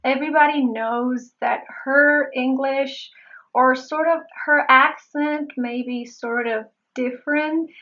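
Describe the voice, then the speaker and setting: Woman accent coach, high voice, slow and deliberate, repeats words to demonstrate, slightly muffled recording. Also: steady tone, sharp tone. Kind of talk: pronunciation lesson.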